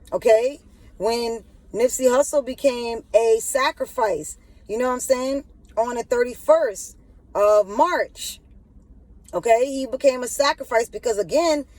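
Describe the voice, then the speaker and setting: A female channel host delivers a spiritual monologue in a fairly high, slightly mellow voice, stuttering and repeatedly asking the listener "you know what I'm saying." The recording is low quality but free of echo.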